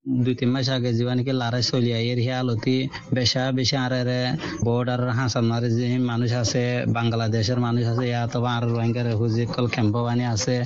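The recording is somewhat muffled and lo-fi. A man with a Rohingya accent gives a spontaneous witness account, halting and repeating himself, with little melodic movement in his voice. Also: medium pitch. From Rohingya from Myanmar. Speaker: interviewed witness. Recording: dull, lo-fi field interview audio.

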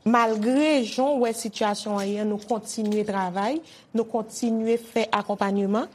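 A woman's voice: fairly high pitch, steady tone, unhurried, a little mellow, husky. A woman entrepreneur answering in an interview, speaking emphatically and repeating her phrases. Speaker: entrepreneur guest.

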